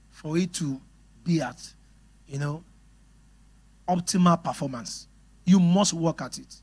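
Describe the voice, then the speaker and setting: Animated Nigerian male preacher. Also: fairly high pitch, husky. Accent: Nigerian English. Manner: animated, laughing, talks straight to the congregation. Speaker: pastor. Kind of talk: sermon on marriage.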